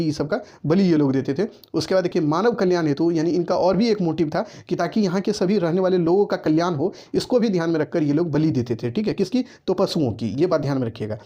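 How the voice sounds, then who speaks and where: A man's voice: high voice, mellow, highs cut off. A man teaching a history lesson for exams, speaking directly to students and checking in again and again with "okay". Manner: repetitive, keeps checking with "ठीक है"; addresses students directly, giving writing instructions. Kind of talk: exam-focused lecture to students.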